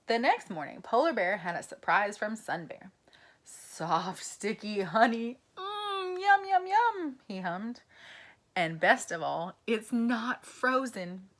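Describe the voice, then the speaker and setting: A woman reading a picture book aloud to young children in an animated, exclamatory way, often pausing to ask the little listeners questions. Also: medium pitch. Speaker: children's storyteller.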